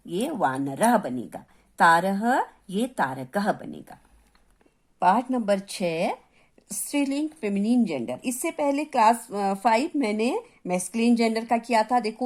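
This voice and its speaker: A woman's voice: medium pitch, sing-song, measured pace, a little mellow. A woman teacher giving a revision lesson to young students, patiently repeating each word and explaining what it means.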